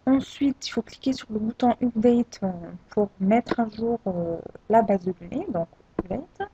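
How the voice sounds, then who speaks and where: A woman talks through a computer tutorial, pausing often and restarting her phrases. Her voice is gravelly and dark, a little husky. The recording sounds dull and lo-fi, as if from a desktop mic. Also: a little high, animated. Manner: hesitant, many fillers and restarts. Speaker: tutorial presenter. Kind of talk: screen-recorded software tutorial.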